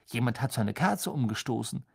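A man's voice: medium pitch, lively intonation, normal speed, vocal fry, slightly rough, no room sound, clean studio sound. A man voicing a joking teenage schoolboy in an audiobook, wry and mocking, partly in a muttered half-whisper. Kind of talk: audiobook character voice.

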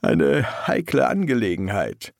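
Guy doing a prissy young officer, formal and chatty, slow with a gravelly edge, audiobook. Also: mid-range voice, very animated, dry recording, clean studio sound, full character voice. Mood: prim. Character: polite, fussy young army lieutenant.

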